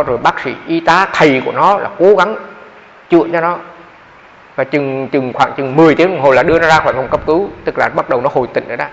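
A man, a monk, tells a story in a dharma talk, acting out the people's lines as he goes. His voice is gravelly and sits somewhat high. The sound is dull and carries a long hall reverb. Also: fairly bright tone. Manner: retelling a story with quoted dialogue, halting repetitions. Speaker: Buddhist monk.

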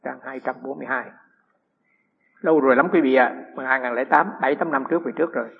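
A Buddhist monk's dharma talk comes through a dull, lo-fi recording with long hall reverb. He talks fast in a gravelly, husky, mid-range voice, telling stories and posing rhetorical questions to his audience.

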